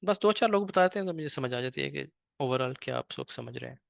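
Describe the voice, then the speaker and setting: A man leads a live online trading class in a mid-pitched voice. He is patient and slow on purpose, and keeps checking in with his listeners. The sound is dry and close. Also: animated, creaky, no echo. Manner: patient, repeats "ठीक है" often; speaks slowly on purpose. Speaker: trading teacher.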